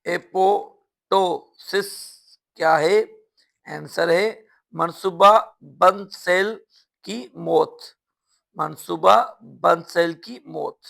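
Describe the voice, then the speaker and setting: A man's voice: high-pitched, drawn-out words, creaky, a bit bright. A man with a Pakistani accent, a teacher reading out a vocabulary lesson, giving each question and answer and then repeating each term with its meaning. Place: school classroom or study room.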